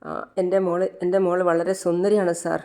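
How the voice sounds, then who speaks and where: A woman's voice: fairly low pitch, flat delivery, a little fast, warm tone, natural voice. A woman voicing an anxious, grieving older father who pleads with repeated "sir" to learn where his lost daughter is. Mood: moved.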